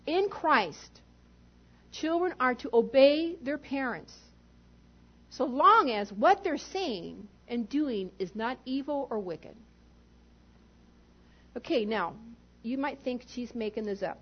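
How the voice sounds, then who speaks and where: A woman's voice: sits high, very animated, takes it slowly, long pauses, muffled recording. A woman pastor preaching a sermon in an emphatic way, putting rhetorical questions to the congregation.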